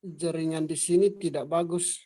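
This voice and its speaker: A man's voice: fairly high pitch, fairly even intonation, moderate pace, dark tone. A male pastor speaking over a video call whose audio keeps breaking up from a poor internet connection. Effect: choppy, breaking-up audio from a poor internet connection. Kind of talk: answering a question in an online Bible study.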